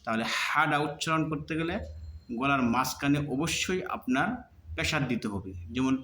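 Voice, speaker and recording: A man teaching pronunciation in a slow lesson. He repeats each sound in drawn-out drills to show how it should be said. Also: a little high, pushed and bright. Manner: demonstrates sounds by drawn-out repetition. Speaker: teacher of Arabic letter pronunciation. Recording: echoey room.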